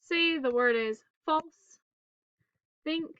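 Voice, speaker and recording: A woman teacher leading a phonics drill for children in staccato, clipped single words with pauses between them. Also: high-pitched, no room sound, highs cut off.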